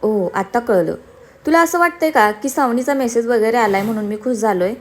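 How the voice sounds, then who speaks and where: A woman's voice: a little high, fairly quick, close to an everyday voice. A woman voicing a confident, teasing young man in a storybook reading. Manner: playful, teasing.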